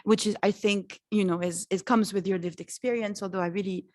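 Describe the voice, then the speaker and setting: A woman's voice: mid-range voice, steady tone, brisk, a little mellow, no room sound, clean studio sound. A woman of the Lebanese diaspora, raised in France, speaking frankly and reflectively on a panel, with restarts. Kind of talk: panel discussion.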